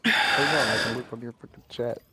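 A man's voice: medium pitch, fairly even intonation, fairly quick, a crowd in the background. A man talking casually as a gaming teammate over voice chat, in a blunt, teasing, sweary way. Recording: noisy voice chat with clicks.

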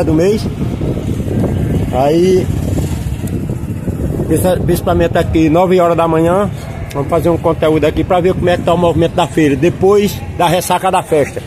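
A Northeastern Brazilian man with a high-pitched voice vlogs casually outdoors. He talks in a folksy, repetitive way as he tours a market, with clear street noise around him. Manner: folksy, repeats his phrases. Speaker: vlogger touring a street market. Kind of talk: casual vlog chat with stallholders. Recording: noisy outdoor street with traffic.

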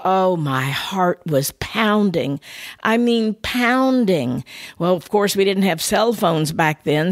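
An older woman hosting a ministry podcast, telling a personal story in an animated, conversational way. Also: on the low side, no echo, studio quality.

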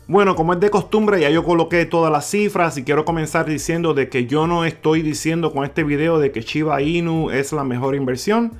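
A man narrates over a screen recording, his voice sitting on the higher side. he speaks straight to his viewers, walks them through each number and repeats it slowly. faint music plays softly under his voice. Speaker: crypto video host. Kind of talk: screen-share explainer talk.

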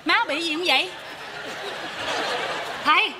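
A woman's voice: very high voice, takes it slowly, crowd noise. An actress playing a worried young adult daughter, pleading with her mother on a theater stage. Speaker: daughter in a stage comedy sketch. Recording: live stage audio with audience and noise.

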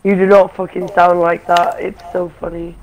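A woman's voice: lowish voice, level tone, moderate pace, a little hiss or hum, poor audio. A woman streaming a co-op game, chatting with her friends in a playful, teasing, sweary way. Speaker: gaming streamer. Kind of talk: casual gaming chat.

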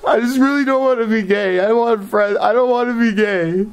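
A young man prank-calls from a small bedroom, playing a naive, distressed character who stammers and hesitates. His voice is very high-pitched yet clear and resonant, and he speaks briskly.

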